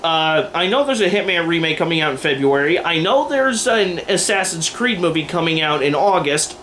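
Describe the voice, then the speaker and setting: An animated video commentator with a high, slightly bright voice speaks at a moderate pace, giving sardonic, opinionated commentary that feels scripted but includes ad-libs. He's indoors before a running TV, filmed on a home camera with clear background noise.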